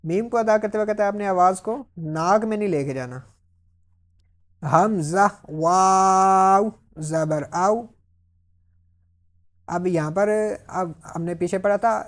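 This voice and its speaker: Woman teacher, slightly low voice, slow stretched-out syllable drills, quick explanations between them. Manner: drawn-out loud syllables alternating with quick explanations. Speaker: Quran reading teacher. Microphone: mic.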